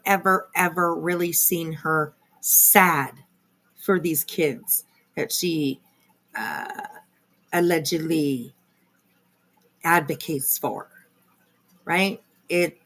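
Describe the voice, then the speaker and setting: This stream host has a low, slightly bright voice and offers casual live commentary on another creator's video. She rambles, stays sardonic, and doesn't shy away from confrontation.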